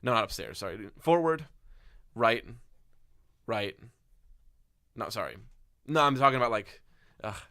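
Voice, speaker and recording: A man's voice: on the low side, big pitch swings, a little slow, pauses often, bright, forceful tone, no echo, clean studio sound. A man running a tabletop game as game master, rambling and correcting himself as he explains.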